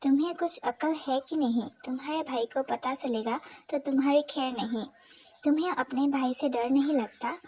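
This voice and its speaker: A woman's voice: high voice, moderate pace, dark tone, a little hiss or hum, natural voice, low-quality recording. A woman voicing an angry male bodyguard, harsh and scolding, in a Hindi audio novel. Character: angry man, a bodyguard nine years older.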